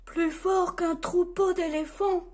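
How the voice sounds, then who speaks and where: A woman voicing a flustered older male Santa in a children's storybook reading, loud and exclaiming. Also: very high voice, steady tone, slow, voice pushed up. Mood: excited. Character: flustered old male Santa, boss of the stable.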